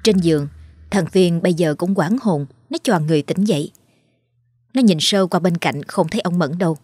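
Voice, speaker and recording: Husky woman narrating a ghost story. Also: on the low side, moderate pace, dry recording. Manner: steady, dramatic storytelling. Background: faint music.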